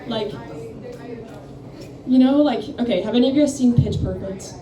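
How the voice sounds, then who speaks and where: A woman's voice: a little high, normal speed, a crowd in the background. A young woman doing a rambling, self-deprecating stand-up set into a handheld mic at a campus coffeehouse. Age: young adult. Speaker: stand-up comedian. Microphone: handheld microphone. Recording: echoey room mic from far off, noisy.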